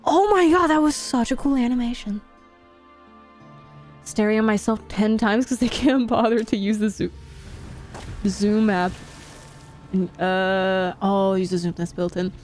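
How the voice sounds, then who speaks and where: A woman's voice: medium pitch, fairly even intonation, unhurried, pauses often, a little mellow, soft background music. A woman streamer chatting casually with her viewers while gaming, giggling and swearing freely. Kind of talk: casual live-stream chat.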